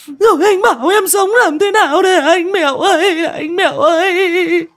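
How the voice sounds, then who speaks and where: A man voicing a pregnant young widow who sobs and pleads in a high, breaking voice. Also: normal speed, fairly bright tone. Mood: tearful pleading. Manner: sobbing, pleading. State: crying.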